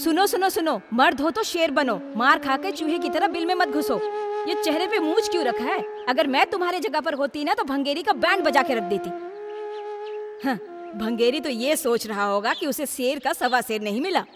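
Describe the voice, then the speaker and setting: A woman's voice: high-pitched, lively intonation, normal speed, over music. A woman dubbing the role of a feisty village woman who scolds and mocks. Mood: mocking. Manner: scolding, mocking. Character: feisty, mocking village woman who runs a phone booth. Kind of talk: Hindi film dubbing.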